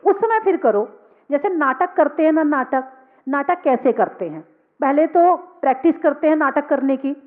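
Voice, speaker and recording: A woman preaching a sermon in a very high voice. She asks the listeners questions and answers them herself, repeating key words as she goes. The sound is thin and narrow, like a phone line. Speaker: Jain nun preacher.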